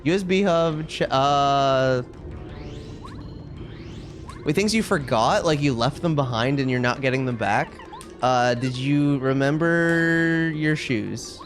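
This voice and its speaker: Over soft background music, a man with a medium-pitched voice speaks slowly while livestreaming a video game. He chats casually with viewers and comments on the play in a wry, ranting way.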